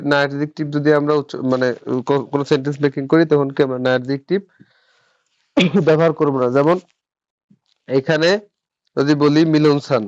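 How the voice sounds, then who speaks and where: Patient male language tutor, slightly high voice, dry dull lo-fi sound. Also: no room sound. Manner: patient, repeats terms and asks the class questions. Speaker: Japanese language teacher. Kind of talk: live online grammar lesson.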